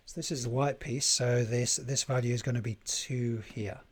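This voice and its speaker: A man hosting a live coding tutorial stream, thinking aloud in a deliberate way and chatting to viewers as he works. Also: medium pitch, steady tone, a little hiss or hum. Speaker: livestream coding host.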